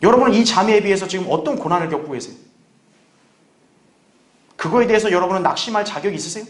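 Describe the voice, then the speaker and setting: A man's voice: sits high, lively intonation, quick pace. A man preaching a sermon as pastor, earnest and conversational, often asking the congregation rhetorical questions.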